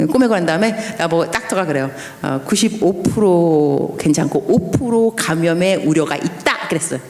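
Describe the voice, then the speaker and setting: A woman pastor in her fifties tells a story from the pulpit, her pitch leaping and falling as she acts out every quoted exchange. Her voice rings through a church hall, with a long reverb trailing after each phrase. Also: creaky. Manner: animated, acts out quoted dialogue with laughs. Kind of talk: lively storytelling sermon. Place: church sanctuary at an evening service.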